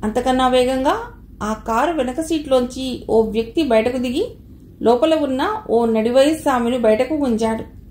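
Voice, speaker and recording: Woman, audiobook narrator, fairly high voice, steady storytelling, echoey room. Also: moderate pace. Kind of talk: scripted narration of a novel.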